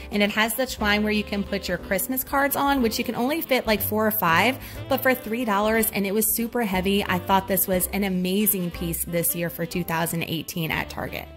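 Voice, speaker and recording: Her mid-range voice has a fairly bright tone as this Southern American shopping vlogger walks a large retail store. She casually and upbeatly notes items and their prices, capturing it all on a handheld phone camera.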